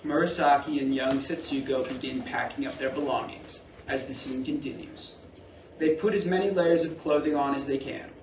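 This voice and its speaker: In a roomy theatre, a man narrates scripted stage directions at a staged play reading, his medium-pitched voice fairly even in intonation and at a normal speed. The mic sits at a distance, and faint noise can be heard.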